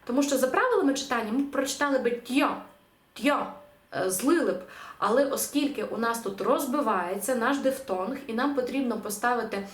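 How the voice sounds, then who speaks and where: A woman explains an online language lesson at a patient pace, pausing often with filler sounds. Her voice sits fairly high. The recording has a noticeably roomy echo. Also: lively intonation. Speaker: language teacher.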